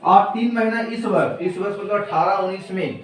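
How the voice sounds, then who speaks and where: A man's voice: high voice, moderate pace. A male teacher giving a classroom accounts lesson, quizzing students and repeating their answers back. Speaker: commerce teacher. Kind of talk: classroom lecture. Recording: echoey room, mic far off.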